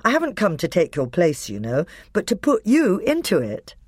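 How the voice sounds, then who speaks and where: A narrator playing a courteous, confident boy high king with brisk, well-mannered authority. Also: wildly swooping pitch, a little mellow, husky, dry recording, clean studio sound. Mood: composed, courteous.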